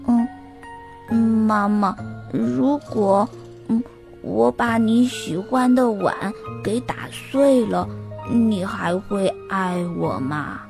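A woman's voice: fairly high pitch, animated, slow, over music. A woman voicing a little girl bear cub who keeps asking questions, hesitant and full of small fillers, in a children's storybook. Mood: eager, pleading.

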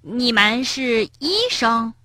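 A woman's voice: a little high, fairly even intonation, slow, sharp tone, no echo, clean studio sound, voice pushed up, heavily acted. A woman voicing a carefree young frog in a children's story, exclaiming in wide-eyed wonder. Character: carefree, dreamy young frog, easily impressed.

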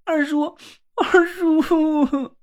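A man's voice: steady tone, extremely slow, full character voice. A man voicing a hysterical eighteen-year-old girl sorceress, crying and screaming in a storybook reading. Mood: tearful. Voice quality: shrill, screaming. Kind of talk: audiobook character voice.

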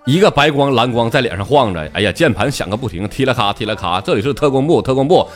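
A man's voice: medium pitch, expressive, fast talker, music in the background. A man with a Northeastern Mandarin accent telling jokes as a stand-up comedian, chatty and full of dialect slang. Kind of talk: comic joke telling.

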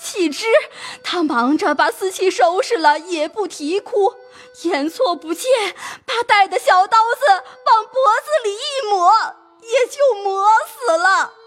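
A humble servant woman, voiced by a woman pleads and recounts a sorrowful tale at length, her voice high. Soft music plays under this audio drama. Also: expressive, a little slow, exaggerated voice. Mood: pleading. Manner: storytelling, pleading, emotional.

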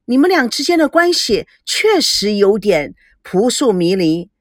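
A woman narrating a novel in an expressive storytelling manner. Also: mid-range voice, measured pace, no room sound, studio quality.

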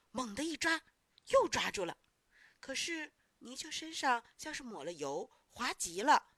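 A woman narrating a bedtime story to children in a warm, animated, coaxing way. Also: sits high, no room sound, clean studio sound.

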